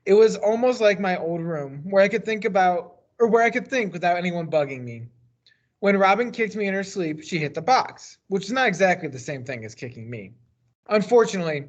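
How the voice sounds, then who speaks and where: An American teacher reads a children's story aloud in a slightly high-pitched voice, leaning into the start of each phrase and letting the endings drop. The recording sounds a little dull and lo-fi.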